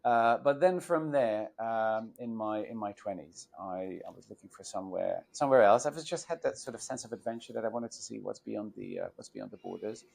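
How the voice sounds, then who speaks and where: A Hungarian man in his forties, speaking English with a Hungarian accent, teaches about port wine over a video call. His lowish, slightly mellow, creaky voice swings widely in pitch and moves fairly quickly with few pauses. He comes across as thoughtful, though his speech is full of fillers and restarts.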